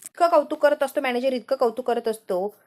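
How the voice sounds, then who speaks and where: A woman recaps a family TV serial in a lively storytelling voice-over, slipping into the characters' lines as she goes. Her voice sits fairly high. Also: brisk. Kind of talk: episode recap narration.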